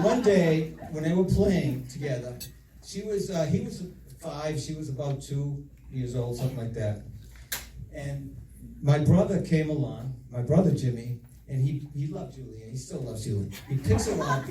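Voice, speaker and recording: A man's voice: fairly high pitch, dark tone. Middle-aged man's echoey father of the bride speech. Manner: storytelling with deliberate pauses and repeated phrases. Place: reception room before an audience. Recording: echoey room, distant mic, audience noise. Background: audience laughter and crowd noise.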